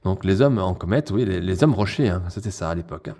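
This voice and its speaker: A man with a low, warm and mellow voice reviews a toy in a relaxed unboxing chat. He talks to his viewers directly, as if to friends, and keeps the tone easygoing. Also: fast talker. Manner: chatty, speaks straight to viewers as friends.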